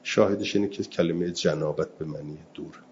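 A man with a very low voice teaches a seminary lesson on Quranic grammar. He reads Arabic slowly and deliberately, then explains each point quickly in everyday Persian. The recording sounds slightly muffled, with faint background noise. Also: fairly even intonation, a little mellow. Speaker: religious studies teacher.

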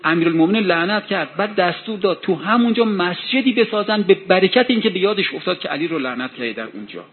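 A man's voice: high voice, expressive. A man preaching a sermon, telling a story dramatically, his voice rising in heated passages. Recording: tinny phone-like sound with faint hiss.

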